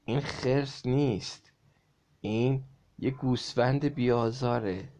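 A man voicing a calm male teacher who reassures a frightened class, reading a storybook aloud. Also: mid-range voice, natural voice.

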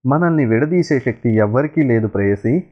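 A man voicing a smug young son-in-law with magic powers, chanting his spells slowly and loudly, on a tinny, phone-like recording. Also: mid-range voice, lively intonation, lightly acted.

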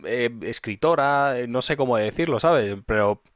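A man's voice: medium pitch, normal speed, clean tone, dry recording, clean studio sound. A man with a Castilian Spanish accent co-hosting a talk show in casual banter, with an irreverent, crude, joking manner. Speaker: co-host of a film talk show.

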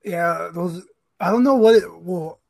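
Husky man making laid-back remarks. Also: high voice, a little slow, a little mellow. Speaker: podcast guest. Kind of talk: casual chat.

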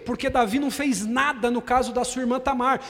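High-voiced Brazilian bishop preaching in hall. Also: male voice, fairly even intonation, brisk, a bit bright. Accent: Brazilian Portuguese. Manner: emphatic preaching with rhetorical questions to the congregation. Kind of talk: sermon. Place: church hall. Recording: long reverb of a large hall.

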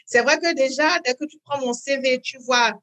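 A woman, talking as an interview guest in a hesitant way, with many fillers and repeats, then bursts of lively emphasis. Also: sits high, moderate pace. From Benin. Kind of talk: conversational interview.

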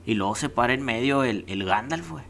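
A man's voice: medium pitch, expressive, fairly quick, creaky, a bit bright, a little hiss or hum. Slangy Mexican man counting down. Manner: rowdy, slang-heavy, jokey. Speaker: host. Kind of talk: casual countdown vlog commentary.

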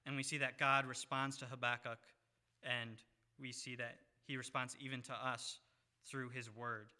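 A man preaching a sermon, reading scripture in a measured way with pauses. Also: medium pitch, little pitch movement, bright, forceful tone, smooth.

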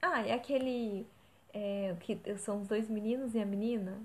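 A woman's voice: mid-range voice, fairly even intonation, normal speed, darkish tone. A young woman chatting casually about films she has watched, hesitant and full of fillers. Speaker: co-host reviewing films. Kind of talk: casual chat.

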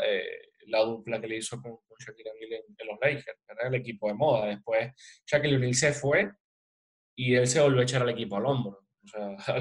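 A man in his thirties with a Venezuelan accent, co-hosting a casual sports chat. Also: medium pitch. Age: 30s. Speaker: talk show co-host.

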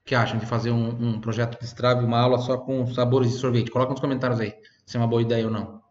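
A man's voice: mid-range voice, level tone, a little mellow. Patient man teaching language. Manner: patient, repeats phrases slowly for learners to copy. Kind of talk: online language lesson. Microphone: desk microphone. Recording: roomy, slightly dull sound.

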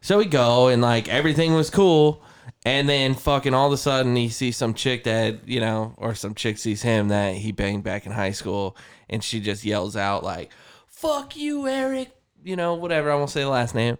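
A man on a casual podcast telling a long story. He talks in a rambling, profane way, packed with "like" and "you know", and mimics other people in quick asides. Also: mid-range voice, smooth.

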